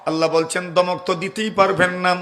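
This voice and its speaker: A male Islamic preacher giving a waz sermon. He chants Quranic verses in a slow melody and keeps asking the crowd rhetorical questions. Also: high-pitched, little pitch movement. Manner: asks the audience rhetorical questions; swells to loud emphatic peaks, then drops to soft storytelling.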